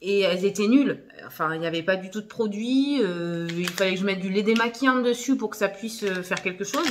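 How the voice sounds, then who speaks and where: A woman's voice: medium pitch, brisk. Young woman, casual haul chat, lots of fillers, giggly, slight background hiss. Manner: chatty, filler-heavy, giggly asides. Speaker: vlogger.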